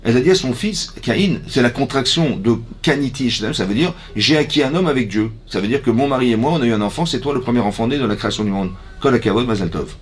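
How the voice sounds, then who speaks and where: A man, a rabbi giving a lively Torah lesson to a women's class. He keeps asking his listeners questions and acts out the dialogue. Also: medium pitch, fast talker, few pauses, breathy edge. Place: community hall.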